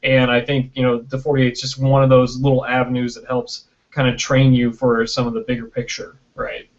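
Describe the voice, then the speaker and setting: A film producer and director from Michigan speaks casually as a guest on an online video interview, his mid-range voice completely flat and fairly quick. He's conversational, sprinkling in "you know" and "right?" and acting out imagined quotes. The internet call audio is dull and lo-fi.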